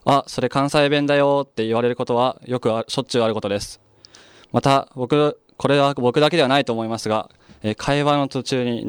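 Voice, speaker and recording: A young man hosting a feature, narrating from a script in a measured, reflective way with an occasional filler. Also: medium pitch, smooth, no room sound, clean studio sound. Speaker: host.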